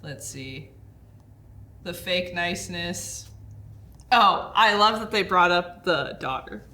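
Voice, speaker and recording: Lively, sarcastic woman podcaster. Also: lowish voice, takes it slowly. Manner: sarcastic, swearing quips. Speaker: podcast co-host. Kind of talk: casual book club chat.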